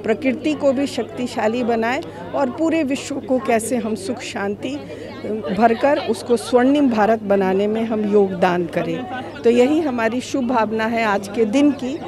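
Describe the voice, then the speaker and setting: A woman from a spiritual organization speaking calmly and instructively about meditation to a reporter. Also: a little high, unhurried. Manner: calm, devotional, instructive. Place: outdoors at a crowded event. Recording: outdoor crowd noise.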